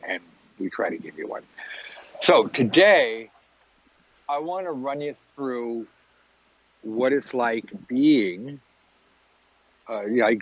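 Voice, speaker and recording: Male podcast host, informal and jokey, slightly rough-edged husky voice, recorded lo-fi on a beach with wind hitting the mic. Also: medium pitch. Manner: rambling, joking, informal. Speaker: podcast host and tarot teacher. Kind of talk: casual chatty podcast monologue. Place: outdoors at a beach. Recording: dull lo-fi audio, wind on mic. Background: wind noise.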